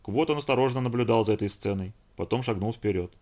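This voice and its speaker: A man narrating an audiobook in an even, measured way. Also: lowish voice. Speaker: audiobook reader. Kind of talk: scripted narration.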